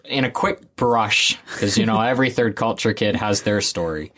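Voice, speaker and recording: Husky male host, steers the talk by summing up. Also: on the low side, normal speed, bright, forceful tone. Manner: summarizing, guiding questions, recaps points. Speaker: interview host. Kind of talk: conversational interviewer.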